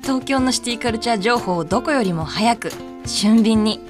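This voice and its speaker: A woman's voice: a little high, expressive, normal speed. A woman presenting a scripted radio show introduction as its navigator. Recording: music playing behind the voice.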